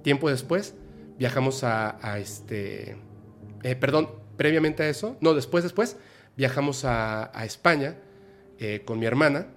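A man hosts a podcast and tells a personal story in a halting, emotional way, stopping and restarting often. His voice sits at an ordinary middle pitch. Faint music plays underneath. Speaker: podcast host. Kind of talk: personal storytelling in a casual chat.

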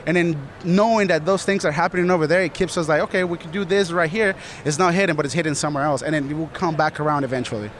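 A man's voice: fairly high pitch, fast, hardly any pauses, slight background noise. Earnest man from Colombia, rambling. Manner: earnest, rambling, many "you know"s. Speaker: studio manager, guest. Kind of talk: casual interview answers.

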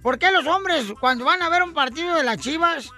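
A man with a Mexican accent hosting a joking radio show, loud and playful with listeners. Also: very high-pitched, moderate pace, soft background music. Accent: Mexican Spanish. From Michoacán, Mexico. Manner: playful, loud, jokey, calls listeners "papuchón".

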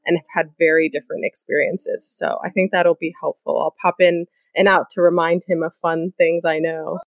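A woman's voice: fairly low pitch, flat delivery, normal speed, no echo. A young woman who grew up in New York, chatting in an upbeat way as a podcast guest. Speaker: guest, lawyer. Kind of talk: casual podcast chat.

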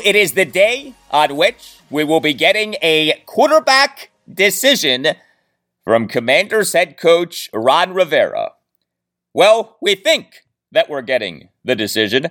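A man with a fairly high, fairly bright voice hosts a solo sports podcast, working through his scripted rundown with asides. His delivery is emphatic and showman-like, full of dramatic stresses.

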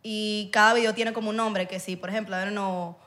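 A young woman speaks as a podcast guest. She explains at length in a mid-pitched, everyday voice, tossing in English words. Her tone stays casual and chatty. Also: fairly even intonation, brisk, fairly bright tone. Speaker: podcast guest, content creator. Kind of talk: casual chat.

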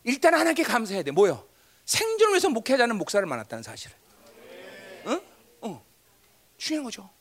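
A middle-aged man preaching a sermon as pastor. He fires rhetorical prompts at the congregation and swings between loud declarations and hushed asides. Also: very high-pitched, wildly swooping pitch, fast, long pauses.

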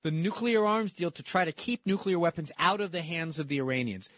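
A male talk show co-host argues politics emphatically, often repeating words as he builds a point. His voice sits high, and the recording is close and dry with no room sound. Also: brisk, fairly bright tone, no echo.

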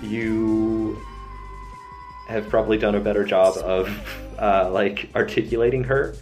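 A man with a very deep voice chats loosely about music, filling the gaps with "um" and "like." His talk wanders and doubles back as he thinks aloud. Soft music plays faintly behind him. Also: level tone, measured pace. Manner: rambling, many fillers and laughs. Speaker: podcast co-host. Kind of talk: casual music discussion.

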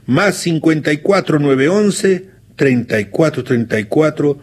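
A man's voice: on the high side, animated, measured pace. A man with an Argentine accent hosting a radio show in a playful, theatrical way, sometimes reading song lyrics with feeling. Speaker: radio host. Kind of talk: lively radio show talk.

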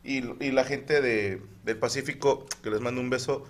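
A man's voice: mid-range voice, fairly even intonation, normal speed. A man telling stories in a casual comedic podcast chat and acting out other people's lines. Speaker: podcast co-host.

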